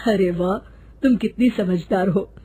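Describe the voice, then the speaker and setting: A woman's voice: mid-range voice, measured pace, warm tone, lightly acted. A woman doing an easygoing young husband.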